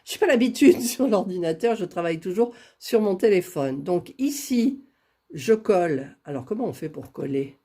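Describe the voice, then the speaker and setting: A woman's voice: on the low side, expressive, moderate pace, warm tone. A woman chatting casually while drawing giveaway winners on a computer, laughing at her own fumbling. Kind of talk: casual screen-recorded vlog.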